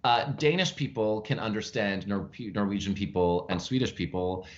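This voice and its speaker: A man, an actor, chatting animatedly in a casual interview, telling stories with lively jumps in his voice. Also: on the low side, moderate pace, slight background noise. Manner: frequent fillers and restarts, chatty. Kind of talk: casual interview over video call. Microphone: video call from home. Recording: lo-fi video call audio.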